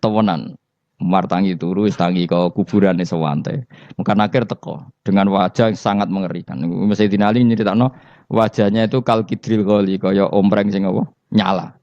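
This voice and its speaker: Low-voiced Javanese preacher telling stories. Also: male voice, steady tone, moderate pace, a little mellow, no room sound. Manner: humorous storytelling, quizzing the audience. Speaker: Islamic preacher. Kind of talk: religious lecture to a congregation. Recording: dull lo-fi recording.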